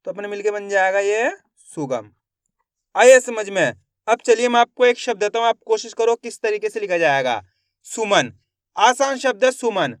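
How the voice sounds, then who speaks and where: A man's voice: high-pitched, no room sound, clean studio sound. A young man teaching children to spell words, breaking each one into syllables and repeating it patiently. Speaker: Hindi writing teacher.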